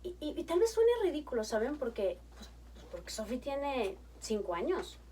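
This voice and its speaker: A woman in her thirties, a family therapist, giving conversational parenting advice, lively and acting out chats with her children. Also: sits high, normal speed, distant mic, slight background noise. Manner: animated, acts out chats with her kids in a bright coaxing tone.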